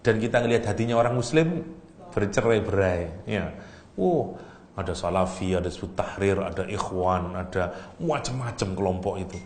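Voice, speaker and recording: A man giving a lively, teasing religious lecture and reciting Arabic verses. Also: deep voice, moderate pace. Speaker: Islamic preacher. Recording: echoey hall, faint room noise.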